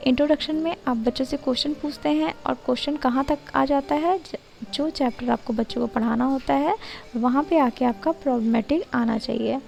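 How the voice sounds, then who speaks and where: Young Indian woman, high voice with a mellow tone; steady, instructive tutorial presenter, faint music underneath. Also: gravelly, rough recording. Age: young adult. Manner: steady, instructive, reads English lines slowly and deliberately. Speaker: education channel presenter. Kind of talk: explanatory tutorial voice-over, Hindi mixed with English.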